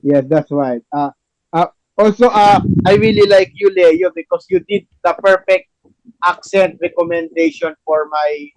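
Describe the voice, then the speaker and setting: Halting and repetitive, with non-native phrasing, a man hosts a podcast, narrating a play reading and chatting with cast members. His voice is high with a darkish tone, captured in a low-quality recording without echo.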